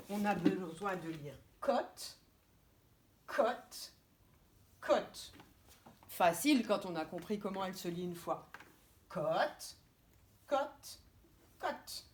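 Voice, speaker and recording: A woman preschool teacher giving a reading lesson to young children over a camera, sounding out letters slowly and carefully in a coaxing way. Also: mid-range voice, lively intonation, a little hiss or hum. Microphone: camera mic.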